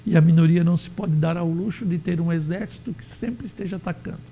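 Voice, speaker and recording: A man from Brazil teaching an adult Sunday school Bible lesson, explaining in a measured way with frequent fillers. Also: fairly high pitch, dark tone, slightly rough.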